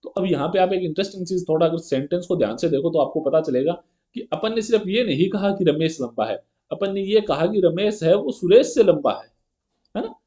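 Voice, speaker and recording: A male grammar teacher teaches an exam-prep lesson step by step, often checking in with a quick rhetorical question and reading example sentences slowly. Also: sits high, expressive, warm tone. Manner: reads English example sentences slowly and carefully.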